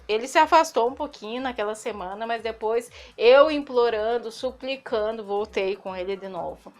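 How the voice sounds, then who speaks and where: A woman with a high voice and a Brazilian Portuguese accent tells a personal story to her viewers. She is animated, breaks into laughter often and lets her pitch swing widely for drama. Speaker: vlogger. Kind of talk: confessional storytelling.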